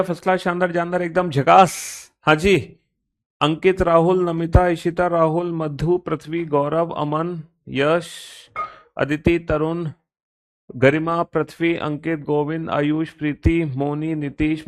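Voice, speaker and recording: A man with an Indian accent teaching a live online reasoning class, chatty and playful, joking with students between explanations. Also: a little high.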